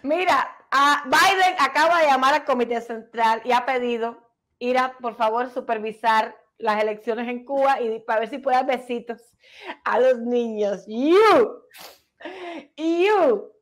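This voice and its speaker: A Cuban woman co-hosts a casual talk show in a sarcastic, exclamatory way. She slips English words into her talk, and her voice sits fairly high. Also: fairly even intonation, moderate pace, fairly bright tone. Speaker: co-host. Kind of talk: casual chat commentary.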